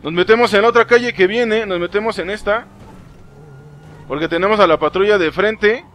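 A young man with a Mexican Spanish accent, giving live gameplay commentary, excitable and swearing often as he talks to game characters. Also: high voice, moderate pace, a little hiss or hum. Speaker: gaming streamer.

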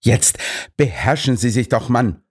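A man's voice: mid-range voice, animated, measured pace, slightly rough, pitched above the performer's own voice. A man doing a stern, admonishing first officer.

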